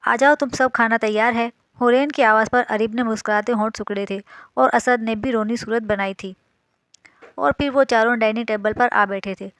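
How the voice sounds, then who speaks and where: A woman's voice: fairly high pitch, steady tone, normal speed, fairly bright tone, smooth, no room sound. A woman reading a romance novel aloud in a dramatic storytelling style, voicing the characters herself. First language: Urdu. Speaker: novel narrator.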